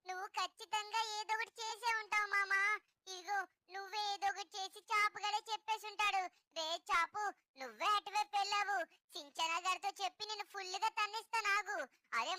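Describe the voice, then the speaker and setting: Childlike robot cat: very high, bright and shrill, whiny and accusing, cartoon dub. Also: female voice, steady tone, fairly quick, no room sound.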